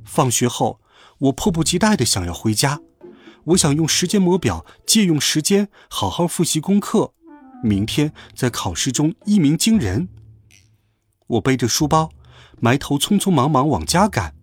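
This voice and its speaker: A man narrating a scripted children's story with animated, expressive delivery. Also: fairly high pitch, normal speed, slightly rough, faint music behind.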